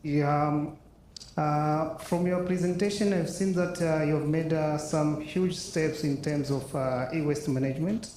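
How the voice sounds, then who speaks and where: A man asks his question from the floor in a slow, hesitant way, filling pauses with "uh." His voice sits a little high and echoes around a large conference hall. Faint ambient noise lingers in the background. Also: steady tone, a little mellow. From Tanzania. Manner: slow, halting, many fillers. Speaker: audience member asking a question.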